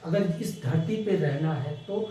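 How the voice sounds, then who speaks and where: A man lectures an exam-prep class in a fairly high voice, chatty and repetitive, tossing out rhetorical questions. He sounds a step away from the mic, and his voice booms around a bare, echoing room. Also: unhurried, warm tone, far from the mic, a little hiss or hum. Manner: conversational, repeats key words, asks rhetorical questions. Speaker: exam coaching teacher.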